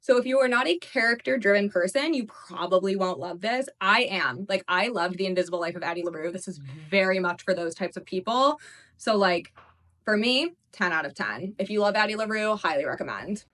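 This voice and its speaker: A young woman in her twenties gushing over books in a casual reading vlog, talking quickly and full of "like" fillers. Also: medium pitch, lively intonation, fairly bright tone. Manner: gushing, fast, lots of "like" fillers. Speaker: book reviewer. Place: her apartment, indoors.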